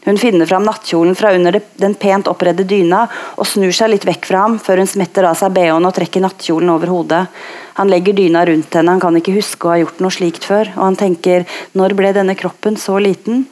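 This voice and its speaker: A woman reading a literary passage aloud in a slow, measured way. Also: fairly low pitch, fairly even intonation, darkish tone.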